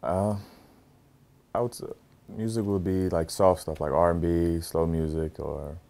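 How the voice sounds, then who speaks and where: A man's voice: sits low, fairly even intonation, a little slow, creaky, darkish tone. A man in his thirties from Virginia, answering interview questions about his childhood in an easygoing, plainspoken way with a light joking touch. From Richmond, Virginia. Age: 30s. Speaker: interviewee, groom-to-be.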